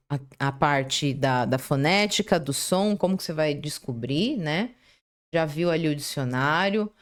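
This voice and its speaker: A woman English teacher giving an online lesson, talking through a screen share, often checking in with short tag questions and restarting her sentences. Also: mid-range voice. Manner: lively, tag questions and frequent self-restarts.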